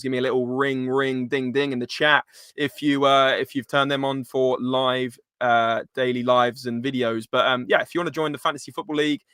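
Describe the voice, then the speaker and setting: A man's voice: mid-range voice, pushed and bright, dry recording. Man, dry close sound. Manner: informal, matey slang. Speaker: live stream host. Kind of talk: casual live football fan chat.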